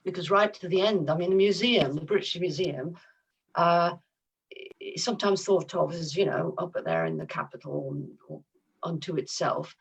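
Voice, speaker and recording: Husky woman speaking from afar. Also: lowish voice, animated, moderate pace, distant mic, lo-fi sound. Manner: warm reflective, hesitant with fillers. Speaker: museum panelist. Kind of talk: reflective panel talk.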